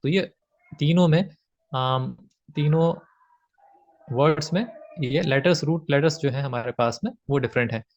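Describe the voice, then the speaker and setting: A man's voice: a little high, unhurried, long pauses, a little hiss or hum. A man teaching grammar from slides, patiently repeating his points with frequent fillers. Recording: slightly dull lo-fi audio.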